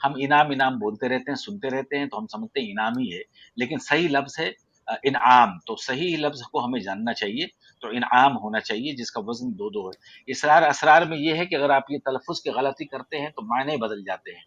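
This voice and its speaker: A man from central India with an Indian Urdu accent, teaching poetic meter in an online audio class, measured and explanatory with frequent hesitations. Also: mid-range voice, a bit bright, breathy edge, no room sound, highs cut off. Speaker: poetry teacher. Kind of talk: prosody lesson in an online audio room.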